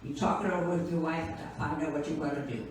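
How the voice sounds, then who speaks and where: A woman's voice: low voice, fairly even intonation, fast, darkish tone. A woman in her nineties doing live stand-up, telling jokes unhurriedly with dry punchlines. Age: 90s. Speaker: stand-up comedian. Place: cigar bar, live audience. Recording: echoey, distant, noisy live room.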